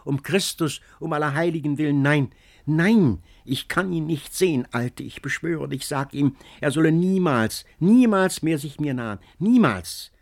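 A desperate young noblewoman in tears, as a male reader voices her, pleading loudly with a lifted pitch. Storybook reading. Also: lively intonation, a little slow, vocal fry. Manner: pleading, tearful.

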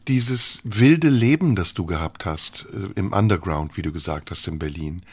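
A man's voice: sits low, animated, normal speed, darkish tone, slightly rough, no room sound. A man hosting a radio interview, asking probing, thoughtful questions. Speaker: radio host. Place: radio studio. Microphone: studio microphone.

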